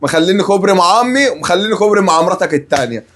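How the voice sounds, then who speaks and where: A man's voice: high voice, lively intonation, very fast, noisy background. A young man with an Egyptian accent in a comedic sketch, playing a cheeky, streetwise son who bargains.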